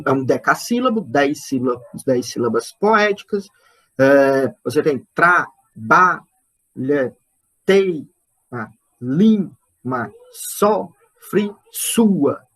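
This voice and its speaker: A man with a Brazilian accent giving an online poetry lecture, speaking slowly and searchingly, repeating words and checking in with his listeners. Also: a little high, a bit bright. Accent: Brazilian Portuguese. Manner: counts out poetic syllables and stresses aloud. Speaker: literature lecturer.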